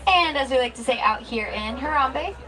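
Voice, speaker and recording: High-voiced woman giving a safari tour. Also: animated, normal speed, a crowd in the background, low-quality recording. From Dallas, Texas. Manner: welcoming, addresses riders as friends. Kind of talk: scripted tour narration with spiels. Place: outdoor open safari truck.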